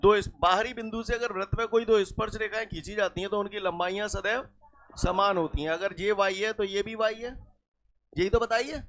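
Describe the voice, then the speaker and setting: High, bright-voiced male physics teacher. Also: steady tone, brisk. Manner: keeps asking students if they follow; explains with everyday examples and repeats key points. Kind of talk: classroom lesson.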